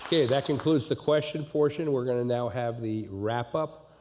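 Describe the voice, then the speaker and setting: A man's voice: medium pitch, moderate pace. A man moderating a live forum in an informal way. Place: public forum in a hall. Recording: noisy echoey hall with long reverb.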